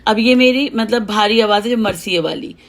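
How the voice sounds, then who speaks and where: A woman with a heavy, low voice teaching recitation, patiently correcting and chanting example lines. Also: moderate pace. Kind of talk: teaching recitation over a call, with sung examples.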